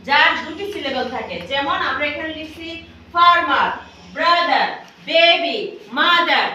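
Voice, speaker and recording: Female teacher, higher voice, drills a class with call-and-response; echoey room, distant mic, noisy. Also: a little slow, sharp tone. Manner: repetitive, drills pupils with questions.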